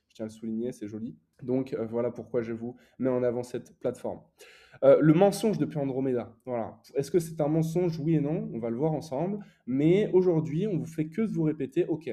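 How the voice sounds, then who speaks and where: A man's voice: on the high side, warm tone. A young man teaching online advertising in a casual, explanatory way, with frequent fillers and self-corrections. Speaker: e-commerce ads coach.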